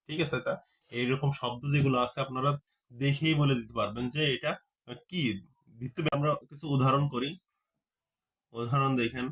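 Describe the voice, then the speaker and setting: A man's voice: medium pitch, a bit bright. Man teaching a grammar class. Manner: repeats terms, asks rhetorical questions. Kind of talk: Bengali grammar lesson.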